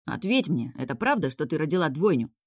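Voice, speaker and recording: A woman reading an audiobook, voicing an earnest young prince who speaks quietly and pleads with his mother. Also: low-pitched, big pitch swings, a little fast, no room sound, studio quality. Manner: quiet, pleading, then firm.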